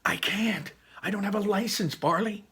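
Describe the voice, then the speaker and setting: A man voicing a shy, nervous teenage elf boy in a read-aloud story, with a high, strained voice. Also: normal speed, fairly bright tone, husky, full character voice. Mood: panicked.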